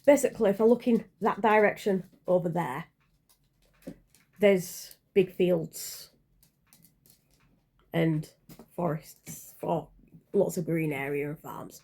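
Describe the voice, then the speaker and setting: A woman in her forties talks to her camera in a loose, unhurried vlog chat. Her voice is soft and mellow, and she rambles, pausing on fillers and correcting herself as she goes. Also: lowish voice, breathy edge. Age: 40s. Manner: rambling, hesitant, with many fillers and self-corrections. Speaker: channel creator.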